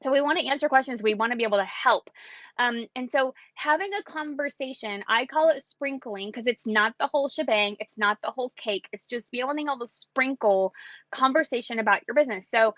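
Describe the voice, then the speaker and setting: Excitable woman giving chatty sales coaching. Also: fairly high pitch, a little fast, dry recording, muffled recording. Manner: excitable and chatty, acts out quotes. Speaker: network marketing coach. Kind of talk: casual sales coaching talk.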